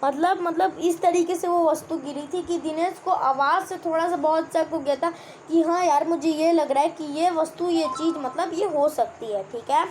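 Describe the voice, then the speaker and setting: Brief: young woman teacher, high voice, explains a kids' story line by line, asks the class questions, faint background hiss. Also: moderate pace, darkish tone. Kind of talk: explaining a children's textbook chapter.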